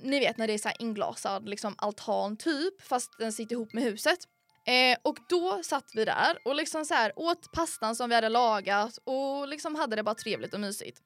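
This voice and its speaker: A young woman co-hosting a podcast, telling a story in a casual, animated and dramatic way with lots of fillers. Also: on the high side. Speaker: podcast co-host.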